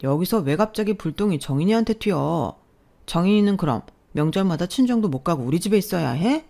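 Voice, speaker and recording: A woman's voice: on the low side, expressive, fairly quick, gravelly, dark tone. A woman plays the youngest son of a family in a radio drama, a young husband who argues bluntly and stubbornly with his parents and brothers. His talk is plain-spoken and pushy. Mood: arguing. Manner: blunt, argumentative pleading.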